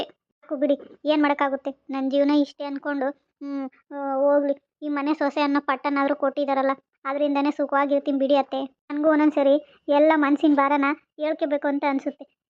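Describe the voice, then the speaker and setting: Brief: a woman as a grieving young wife in a home drama, high, flat delivery, muffled sound. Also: close to an everyday voice. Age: young adult. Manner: quiet, resigned lament. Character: patient young wife, sorrowful and restrained. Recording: dull lo-fi.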